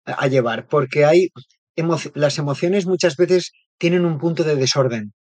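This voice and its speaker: A therapist being interviewed talks in a slightly high, somewhat mellow voice at a moderate pace, with no room sound. His reflective interview talk explains ideas thoughtfully, and he often checks in with little tag questions.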